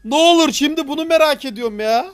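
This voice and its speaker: Very high-voiced excitable male streamer. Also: fast. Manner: excitable, slangy, often bursts into shouts and laughter. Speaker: game streamer. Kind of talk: live gameplay commentary.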